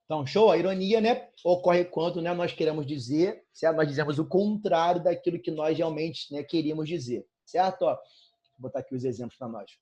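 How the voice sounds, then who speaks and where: A Brazilian man with a somewhat higher, slightly husky voice teaches an online class from his bedroom. He talks loosely and conversationally, tagging nearly every phrase with a quick check-in to his students. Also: mellow. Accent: Brazilian Portuguese. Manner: casual, fillers like "né, cara?" and "tranquilo?". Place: bedroom at home.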